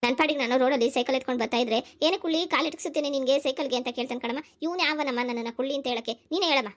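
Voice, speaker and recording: A woman voicing a hurt, defiant schoolgirl in a cartoon, with a high, whiny, tearful voice. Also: racing, natural voice. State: crying. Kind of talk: cartoon voice acting.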